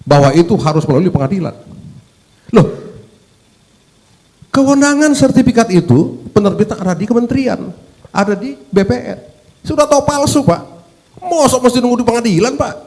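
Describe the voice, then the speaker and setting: A man's voice: very high-pitched, animated, moderate pace, pauses often, darkish tone. Emphatic man. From Medan, North Sumatra. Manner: emphatic, rhetorical questions, keeps addressing 'sir'. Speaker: parliament member at a hearing. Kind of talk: formal hearing address.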